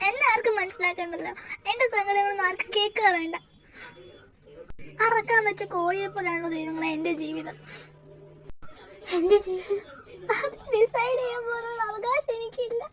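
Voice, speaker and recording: Brief: a woman as a torn young student, very high voice, pleading and close to tears. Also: fairly quick, bright, forceful tone, exaggerated voice, low-quality recording. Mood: despairing. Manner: emotional, pleading. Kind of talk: amateur audio drama.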